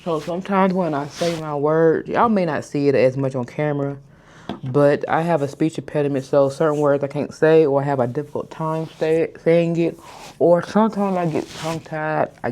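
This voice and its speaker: In a hotel room, a woman in her thirties vlogs casually about skincare for her followers, sometimes stuttering, mispronouncing words, and deliberately slowing her speech. Her voice sits low and warm, with slight background noise.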